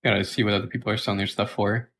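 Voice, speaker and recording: A woman making short, halting, laid-back remarks in a casual chat with friends. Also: extremely low pitch, little pitch movement.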